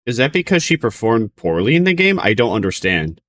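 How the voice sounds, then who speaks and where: A man's voice: medium pitch, big pitch swings, fairly quick, a crowd in the background. A man streaming casual reaction commentary, rambling in a bemused, hesitant way.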